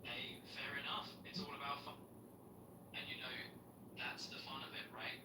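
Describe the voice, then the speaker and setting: A man's voice: mid-range voice, level tone, moderate pace. A man's synthetic voice with a British accent, answering as a chatty, agreeable AI assistant. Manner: upbeat, agreeable, eager to please. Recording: roomy, distant, noisy.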